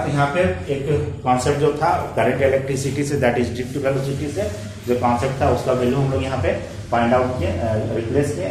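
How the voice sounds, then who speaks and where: A man's voice: mid-range voice, a little mellow. A man teaching physics at a board, switching between Hindi and English and quizzing himself as he explains each step. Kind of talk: classroom lecture at a board. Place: echoey classroom with a board. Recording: very echoey room, distant mic, faint noise.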